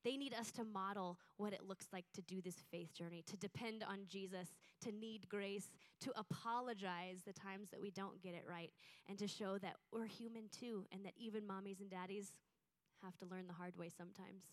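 A woman's voice: medium pitch, steady tone, normal speed. A young woman preaching to a church, telling a personal story in an earnest, heartfelt way. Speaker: church speaker.

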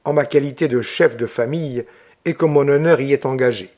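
A man's voice: mid-range voice, a little fast, darkish tone, lightly acted. A man reading an audiobook, voicing a proud, gloomy young Corsican officer who speaks earnestly. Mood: brooding. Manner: earnest and brooding.

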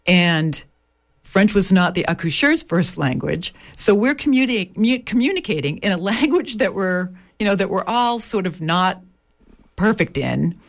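A woman who is a midwife and author, a native English speaker, talks reflectively in an interview, often restarting sentences and using fillers. Her medium-pitched voice is animated, and she speaks at a measured pace.

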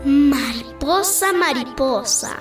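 A woman's voice: high voice, animated. A woman voicing a young girl in a children's story, speaking in a childlike way, over background music. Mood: earnest. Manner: childlike, slow-spoken. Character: young girl, moody then loving.

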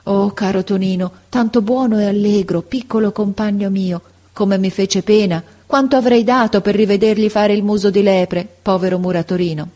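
A woman's voice: mid-range voice, fairly even intonation, moderate pace, few pauses, dark tone, pitched above the performer's own voice, natural voice. A woman reading aloud voices a tender-hearted schoolboy speaking wistfully about his friend.

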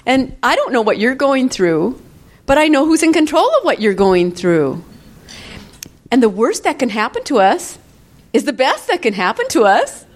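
Chatty woman in her fifties, slightly high voice. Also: moderate pace. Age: 50s. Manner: chatty, animated storytelling with frequent laughter. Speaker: church member giving a testimony. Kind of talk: personal testimony in church. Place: church.

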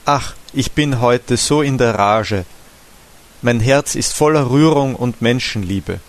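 A man voicing a drunk, ranting village barber who shouts and wails in falsetto in a storybook reading. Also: a little slow, close to an everyday voice. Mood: self-pitying.

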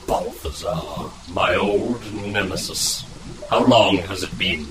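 An actor playing a melodramatic hero-rival who speaks in theatrical mock-archaic bombast. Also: male voice, low voice, slow pace, crowd noise. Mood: dueling.

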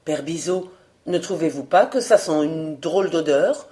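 Woman reading a jumpy young museum guard who stammers, low and mellow. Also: animated, a little slow. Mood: uneasy. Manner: stammering when alarmed. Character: young male museum guard, startled and uneasy.

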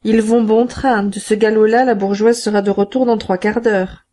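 A man's voice: high-pitched, level tone, normal speed, dark tone, natural voice. A woman voicing a scheming, grasping middle-aged crook who gives curt, commanding orders in an audiobook. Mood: grumbling. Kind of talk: audiobook character voice.

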